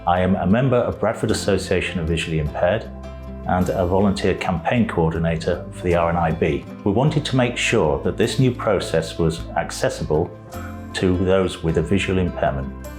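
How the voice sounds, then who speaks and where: Male volunteer, very deep voice, steady and formal, guitar music clear behind. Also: normal speed. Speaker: patient volunteer. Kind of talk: interview statement.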